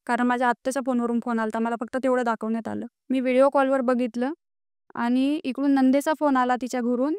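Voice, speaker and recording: Young woman, high voice, earnest guest recounting hardship, indignant at times, dry mic. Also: flat delivery, quick pace, clean tone, no echo. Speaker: podcast guest. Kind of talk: emotional personal storytelling.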